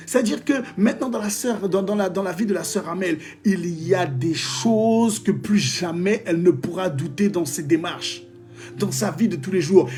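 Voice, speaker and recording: A man preaches on a live stream in a fairly high voice, with soft music playing behind him. He reads out testimonies and breaks into exclamations and jokes with his viewers.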